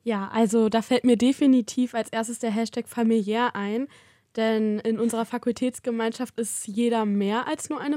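A young woman in her twenties speaks enthusiastically as a student guest, her voice sitting fairly high. The sound is dry and close to the mic. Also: darkish tone, no echo. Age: 20s. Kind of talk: podcast chat.

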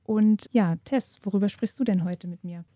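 A woman's voice: mid-range voice, normal speed, dark tone, no room sound, clean studio sound. A woman hosting a university podcast, asking encouraging questions. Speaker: podcast host.

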